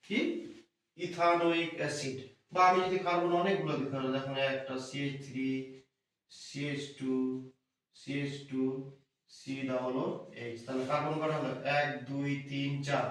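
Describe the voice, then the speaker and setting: A male teacher giving an exam revision lesson, asking questions and answering them himself. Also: fairly high pitch. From West Bengal. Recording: echoey room from far off.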